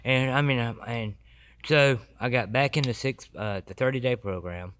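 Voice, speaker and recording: A man giving his personal recovery testimony as a podcast guest, earnest and halting with many restarts. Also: mid-range voice, fairly bright tone, smooth.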